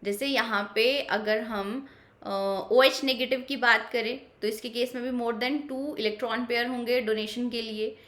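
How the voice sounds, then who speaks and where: Bright-voiced woman teaching chemistry. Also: fairly high pitch, steady tone, a little slow. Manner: patient, repeats key points, asks and answers own questions. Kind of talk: explanatory online lecture.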